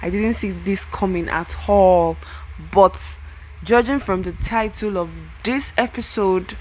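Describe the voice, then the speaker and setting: A woman's voice: mid-range voice, a little hiss or hum, low-quality recording. A young woman casually recapping a web series episode, talking straight to the characters. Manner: chatty, emotional asides to the characters.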